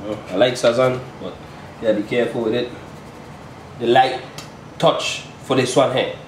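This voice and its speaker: The host talks at a steady medium pitch and normal pace, keeping things playful and chatty as he cooks and tacks "you check?" onto his lines. He's recorded from a distance on a camera mic in a small indoor kitchen, which sounds roomy, with some light background noise.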